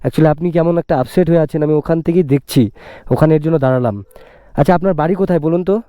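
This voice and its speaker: A motovlog host from West Bengal who earnestly coaxes and pleads, often repeating himself, speaking into a helmet mic. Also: male voice, a little high, fast talker, dark tone, no room sound, studio quality. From West Bengal, India. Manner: earnest, coaxing, repeats pleas. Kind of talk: staged roadside vlog. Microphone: helmet-worn mic on a bike.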